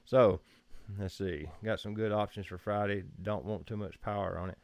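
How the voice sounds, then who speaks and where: Hosting a photography livestream from home, a Georgia man with a Southern accent rambles in an easygoing way and chuckles often. His fairly low voice is steady, a little slow and darkish in tone, captured in a dry recording.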